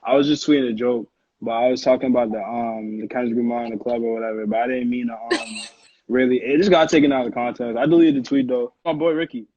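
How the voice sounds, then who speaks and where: Fast and fairly even in intonation, the medium-pitched voice of this American man in his early twenties, a music producer from Connecticut, carries a slangy, informal interview chat. It sounds a little mellow, in a dry, lo-fi recording.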